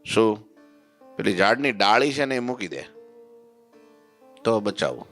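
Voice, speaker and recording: A man voicing God as a calm, kindly deity who bargains playfully with a devotee in a told story. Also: lowish voice, measured pace, faint music behind.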